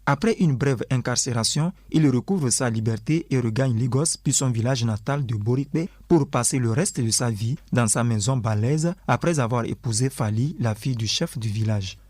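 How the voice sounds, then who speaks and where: A man presenting a literary radio programme, reading a scripted introduction and summary in a measured, formal announcer style. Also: medium pitch, a little mellow, no room sound.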